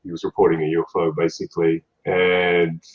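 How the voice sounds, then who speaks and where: A man's voice: low-pitched, completely flat delivery, fairly quick, reverberant, highs cut off. A man with a broad Australian accent chatting casually as a guest, laid-back and colloquial. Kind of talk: casual chat.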